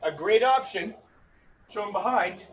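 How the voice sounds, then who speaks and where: A man's voice: sits high, lively intonation, slow, fairly bright tone. A man in his thirties coaching a workout, calling out moves and punch combinations in short bursts like a boxing coach. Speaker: fitness coach leading a home HIIT workout. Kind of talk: live exercise instruction with short cues and counts. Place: indoor garage-style gym. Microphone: camera several metres away. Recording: distant mic, muffled, noisy gym.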